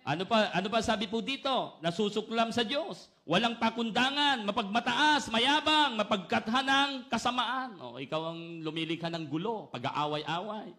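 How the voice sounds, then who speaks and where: A middle-aged man preaching a sermon loudly and energetically, often calling out "Amen?" to the congregation. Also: high-pitched, normal speed, hardly any pauses. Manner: loud, energetic preaching with call-and-response "Amen?".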